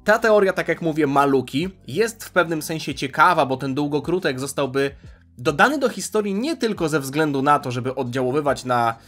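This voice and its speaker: A man's voice: a little high, animated, moderate pace, fairly bright tone, soft background music. A man giving casual video commentary, chatty and analytical as he weighs fan theories aloud. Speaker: YouTube commentator on anime.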